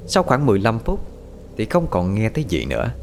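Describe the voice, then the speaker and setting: A man narrating a scripted horror story in a dramatic, expressive way. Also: on the low side, a little fast, vocal fry, slight background noise. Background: faint music.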